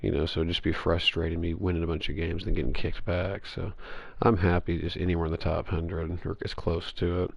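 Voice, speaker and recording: A man's voice: sits low, level tone, fairly quick, creaky, few pauses, dry recording. A man chatting casually while playing an online game, rambling and swearing freely with lots of restarts, over a headset mic. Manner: rambling, profane, with frequent restarts. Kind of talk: casual gaming chat. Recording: dull, dry lo-fi mic audio.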